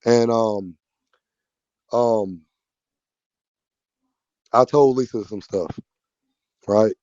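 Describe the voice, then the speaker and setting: A man's voice: on the low side, drawn-out words, darkish tone, dry recording. A man hosting a live-stream panel, talking casually and rambling with many restarts. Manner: rambling, restarts often, addresses viewers. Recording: dull lo-fi stream audio.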